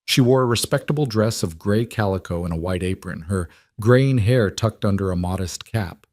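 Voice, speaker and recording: A man reading a western story aloud as narrator, in a measured, even storytelling manner. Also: lowish voice, no room sound, studio quality. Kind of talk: scripted narration.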